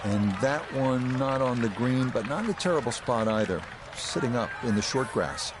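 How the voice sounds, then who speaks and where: A man acting as a golf commentator for a video game, composed and informative. His voice sits at a middle pitch, with clear outdoor ambience behind it. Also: animated, moderate pace, crowd noise, background noise, natural voice. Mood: composed, approving. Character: composed male lead golf broadcaster, measured and informative.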